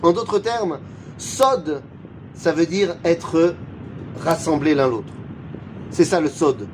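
Man, high voice, unhurried Torah teacher, chants verses, asks and answers questions, faint vehicle rumble. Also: animated, a little mellow. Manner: poses rhetorical questions and answers them; chants Hebrew verses between French explanation. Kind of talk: religious lesson.

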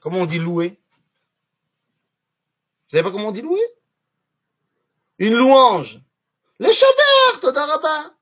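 Guy teaching a torah class, high husky voice, pitch jumps all over, keeps quizzing the room. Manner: animated, asks the class questions. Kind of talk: lively religious lesson to a class.

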